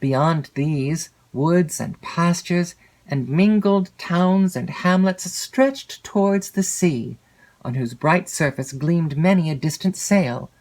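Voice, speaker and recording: Her voice sits low as she narrates a classic novel in audiobook form. The delivery is measured and expressive, slowing to linger on descriptive lines.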